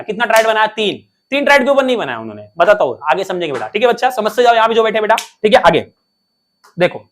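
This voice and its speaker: A male teacher leads an energetic science lesson. He coaxes his students along, fires questions at them and answers each one himself. His English phrases come out slow and deliberate. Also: extremely high pitch. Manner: coaxing, calls students beta, repeats questions and answers himself.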